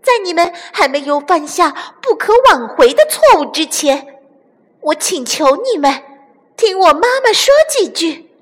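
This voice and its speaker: A woman voicing an earnest young hen child who pleads in a high voice, in a storybook with long reverb. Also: sing-song, a little slow, full character voice. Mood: pleading.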